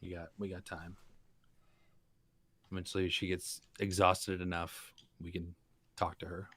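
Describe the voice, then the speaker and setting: A man's voice: deep voice, little pitch movement, unhurried, a bit bright, no echo. A man chatting casually as a player in a tabletop game, explaining what his character does.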